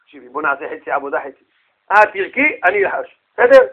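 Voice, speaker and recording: A man voicing a revered, gentle old rabbi who speaks patiently and humbly. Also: fairly high pitch, big pitch swings, narrow, tinny audio, voice pushed down. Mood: coaxing.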